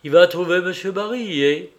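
A man's voice: sits high, normal speed, pitched above the performer's own voice, lightly acted. A man voicing an anxious, guilty older father who speaks urgently.

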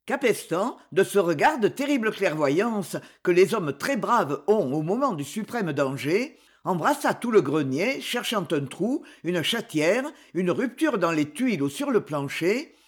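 An audiobook narrator telling an adventure story in a measured, unhurried way. The delivery swoops up and down expressively. The voice carries a husky, slightly breathy texture. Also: mid-range voice, very animated.

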